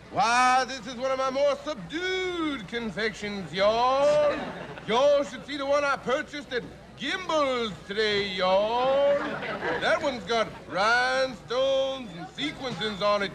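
A man's voice: extremely high pitch, expressive, slow pace, crowd noise, full character voice. A man playing a boastful, pompous young Texan cowboy hustler who drawls and tags every phrase with y'all in a sketch comedy. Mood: drawling, friendly. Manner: drawls, ends every phrase with y'all, then turns haughty and fussy. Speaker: comic actor.

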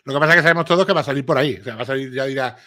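Fast-talking Andalusian man, animated. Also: medium pitch. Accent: Andalusian Spanish. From Seville, Spain. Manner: animated, acts out quoted dialogue, swears casually. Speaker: co-host analysing a true-crime series. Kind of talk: casual live-stream commentary.

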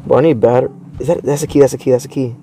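A man's voice: mid-range voice, fairly even intonation, rapid-fire, gravelly, mellow, slight background noise. A young man giving casual horror game commentary as a streamer, scared and jumpy, exclaiming and repeating himself. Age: young adult. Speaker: gaming streamer.

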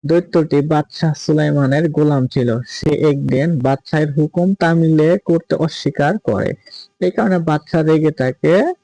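A man teaching a primary school lesson, reading questions and answers aloud and slowly repeating words to show their pronunciation. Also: fairly high pitch, dark tone, dry recording, poor audio. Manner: slow, careful pronunciation drills, repeating words. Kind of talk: reading and explaining a textbook lesson.

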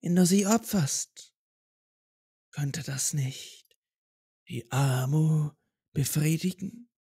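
A man voicing a sinister hooded cult leader who speaks in a soft, coaxing way. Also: mid-range voice, very slow, husky, no room sound, studio quality, full character voice. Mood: tempting.

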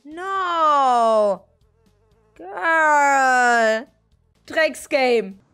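Young female streamer, high and bouncy, excitable commentary with shrieks, light music underneath. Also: drawn-out words. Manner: excitable, shrieks and exclaims at the game.

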